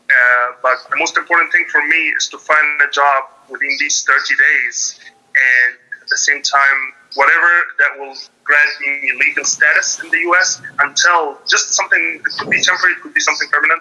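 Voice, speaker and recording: Young man, hesitant, flat and bright tone, phone-line sound. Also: fairly high pitch, normal speed. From Qatar. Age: young adult. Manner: hesitant, many ums and restarts. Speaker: laid-off engineer seeking career advice. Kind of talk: interview over a call.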